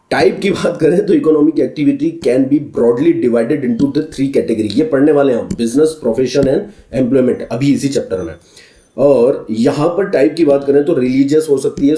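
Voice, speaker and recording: Male commerce tutor, dark mellow tone, echoey room, brisk list-repeating delivery. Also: mid-range voice. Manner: mixes English terms into Hindi explanations, addresses students as children; brisk, repeats key terms as lists. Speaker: commerce teacher. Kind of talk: recorded class lesson.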